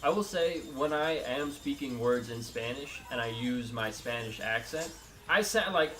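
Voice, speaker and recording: A man's voice: mid-range voice, animated, normal speed, bright, forceful tone, a little hiss or hum. A man from Costa Rica co-hosting a casual gaming chat with his partner, joking and sarcastic, laughing often. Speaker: co-host playing a video game.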